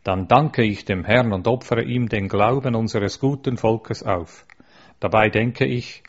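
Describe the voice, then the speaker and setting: Male narrator, lowish voice, earnest measured reading of a devotional text, dull lo-fi recording. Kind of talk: reading a religious account aloud.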